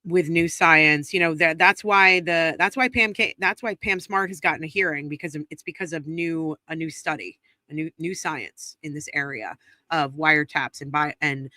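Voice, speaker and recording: Recording from her home studio near the DC area with a close streaming mic, a congested woman co-hosting a true crime stream speaks casually, full of ums and restarts as she thinks aloud. Her voice is low-pitched, bright and forceful, at normal speed and without echo.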